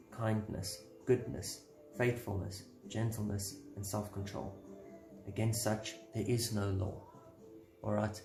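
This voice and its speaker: A man's voice: lowish voice, gravelly, echoey room, poor audio. A man giving a casual devotional talk, conversational and earnest, posing rhetorical questions to his listeners.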